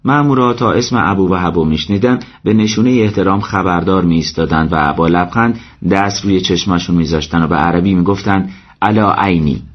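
A man reading a story aloud as narrator, steady and measured. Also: low-pitched, dull audio. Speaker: audiobook narrator. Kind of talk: scripted narration.

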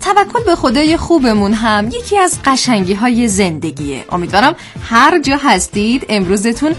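A woman hosting a live radio show in a smooth, upbeat manner. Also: a little high, very animated, soft background music. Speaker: radio host.

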